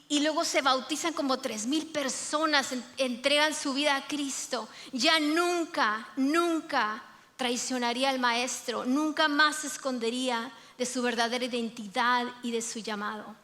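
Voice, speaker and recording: A woman's voice: sits high, pushed and bright. A woman preacher giving a sermon, telling the story with animation and speaking directly to the congregation. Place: church sanctuary. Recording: reverberant church hall.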